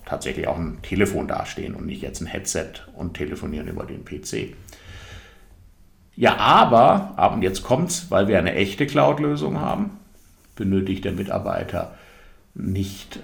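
A man's voice: sits low, gravelly, slight background noise. A man talking through a casual explanatory monologue as a podcast host, conversational, with many fillers. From Germany. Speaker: podcast host and software consultant. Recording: echoey room.

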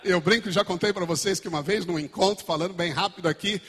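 A male pastor with a Brazilian Portuguese accent preaching a sermon, swinging between loud exclamations and quiet asides. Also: high voice, fast talker, husky. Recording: echoey church hall.

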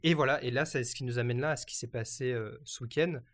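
A man's voice: mid-range voice, fast, fairly bright tone. Hesitant man chatting about news. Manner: hesitant, many fillers and restarts. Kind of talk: casual news chat.

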